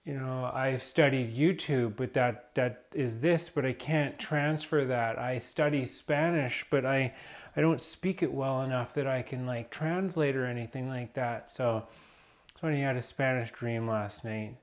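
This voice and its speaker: A man's voice: medium pitch, moderate pace. A man talking unscripted to camera in a vlog, rambling and hesitant, with many fillers and restarts, and a cough from dust. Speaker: vlogger.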